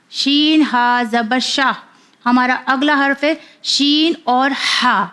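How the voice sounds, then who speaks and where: Woman, high pitch, Pakistani Urdu accent, patient children's Quran reading teacher who drills each letter pair twice, slowly and clearly. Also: a bit bright. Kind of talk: slow syllable-by-syllable recitation lesson.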